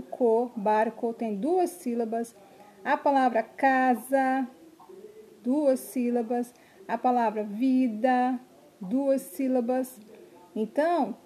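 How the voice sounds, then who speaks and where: A woman's voice: a little high, takes it slowly, dark tone. A woman teaching a remote lesson to young children, spelling out syllables one at a time and checking in often to see if they follow. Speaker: primary school teacher.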